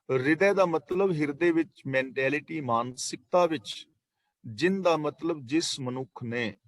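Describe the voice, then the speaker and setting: A man's voice: a little high, no echo. A man teaching a scripture class over an online call, explaining verses line by line with parables and repetition. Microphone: online meeting call.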